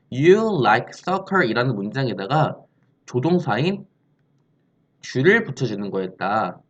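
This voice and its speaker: A male grammar teacher whose voice swings widely up and down as he walks through each point. He keeps asking his pupils questions and then answering them himself. The recording sounds dull and lo-fi. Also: medium pitch. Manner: explains step by step, asks and answers own questions. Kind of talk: recorded classroom-style lesson.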